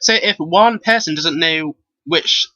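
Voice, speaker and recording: A young man, ranting to camera at home in an animated, sassy way. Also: on the high side, unhurried, lo-fi sound. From England. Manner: animated and sassy, often says "girl". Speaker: vlogger.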